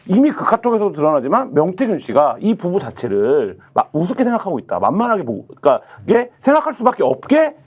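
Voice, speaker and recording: A man's voice: high voice, fast talker, few pauses, husky. A man on a political talk show, arguing his point with rhetorical questions. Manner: animated, argumentative, rhetorical questions. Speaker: political panelist.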